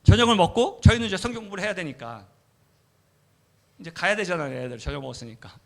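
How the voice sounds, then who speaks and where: Korean male missionary preacher, slightly high voice, chatty storytelling sermon, acts out quotes. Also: sing-song, fast. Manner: conversational, frequent affirming fillers, acts out quoted voices. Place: church sanctuary.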